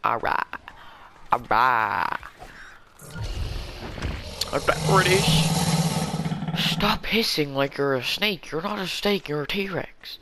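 A man's voice: sits high, a little slow, heavy background noise. A man giving rambling, jokey commentary while playing a video game on his channel. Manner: rambling, jokey, laughs at himself. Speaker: gaming YouTuber. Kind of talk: casual gameplay commentary.

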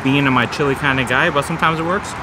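Male food vlogger, mid-pitch, chatty and halting with fillers, loud diner noise behind. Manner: thinks aloud with many ums and uhs. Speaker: restaurant reviewer. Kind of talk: casual food review vlog.

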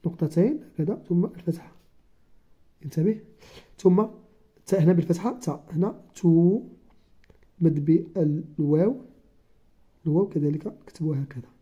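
A teacher with a Moroccan accent giving a first-grade Arabic writing lesson, slowly sounding out letters and syllables one by one. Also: medium pitch, mellow, husky. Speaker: primary school teacher. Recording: dull lo-fi recording.

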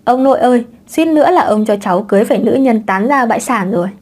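A woman's voice: fairly high pitch, lively intonation, fast talker, a little mellow. A woman voicing a vain, irritable thirty-year-old man in an audiobook. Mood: annoyed.

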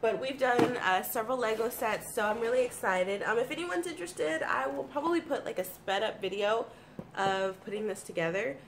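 A woman's voice: on the high side, animated, normal speed. Congested American woman vlogger, chatty and informal. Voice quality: congested, slightly froggy from allergies. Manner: informal, enthusiastic, self-deprecating. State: congested with allergies, sniffling. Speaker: video blogger and streamer. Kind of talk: casual chatty favorites vlog. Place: small home room with computer desk. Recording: clear background room noise.

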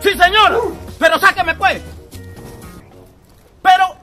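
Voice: very high-pitched, slow, sharp tone, faint music behind, exaggerated voice. A performer playing a stubborn, hot-tempered older uncle in a comedy sketch, insisting over and over that he wants out. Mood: insistent. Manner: stubborn, insistent, raises voice in bursts.

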